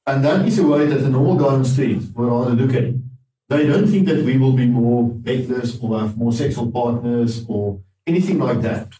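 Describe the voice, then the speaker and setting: A man's voice: medium pitch, brisk, mellow. A man speaking conversationally as a panelist on a talk show. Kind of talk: conversational discussion. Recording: roomy, distant from mic.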